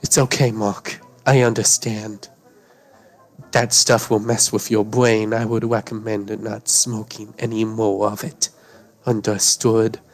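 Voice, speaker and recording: A man's voice: on the low side, little pitch movement, measured pace, faint music behind, lightly acted. A man voicing a prim, formal grown man who pries into others' lives in stiff, polite phrasing. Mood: calm, formal.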